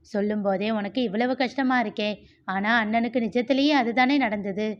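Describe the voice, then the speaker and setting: A woman reading the part of a gentle, reflective young man in a storybook, talking softly and confidingly. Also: fairly high pitch, normal speed, lightly acted. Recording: muffled lo-fi recording.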